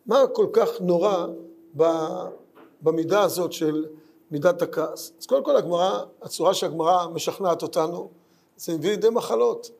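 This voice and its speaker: A man's voice: sits high, vocal fry, a little mellow. A man giving a Talmud lesson in an earnest way, asking rhetorical questions and repeating his points. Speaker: Torah teacher.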